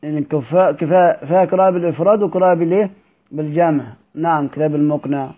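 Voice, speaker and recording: A man's voice: on the high side, steady tone, very fast, lo-fi sound. A man with an Egyptian accent teaching a lesson, reading a classical text aloud in formal Arabic and then explaining it in everyday speech while putting questions to his students. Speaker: teacher of Quran orthography.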